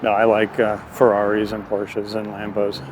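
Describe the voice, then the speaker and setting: A man hosts his own walking vlog outdoors by a road, chatting in an informal, stop-and-start ramble. His voice is on the low side and monotone at normal speed, with slight background noise.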